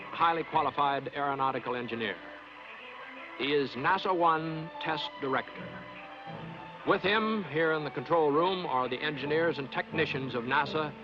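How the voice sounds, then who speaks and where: A male film narrator reads formal, measured documentary-style script. His voice sits fairly high, on a dull soundtrack with clear music underneath.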